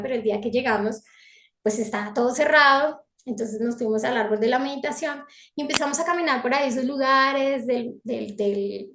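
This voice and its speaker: A Colombian woman with a high voice tells her story in an echoing room, reflective and heartfelt, often circling back to restart a thought. It sounds like a personal testimony shared with a gathering. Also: a bit bright. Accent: Colombian Spanish. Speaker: devotee sharing testimony.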